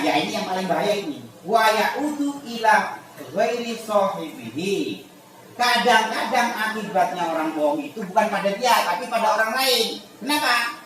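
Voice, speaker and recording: High-voiced male teacher in an echoey classroom. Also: fairly bright tone. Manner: reads Arabic text then explains it in casual speech; acts out short scenes in quoted voices. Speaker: religious teacher. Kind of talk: classroom lesson. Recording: echoey room, far from the mic, noisy.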